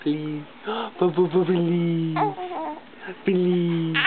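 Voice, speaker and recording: A man's voice: on the high side, fairly even intonation, drawn-out words. A father coaxing his infant in gasping, sing-song baby talk, recorded on a home video. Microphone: recording phone held by the mother. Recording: tinny phone-like home video, loud noise.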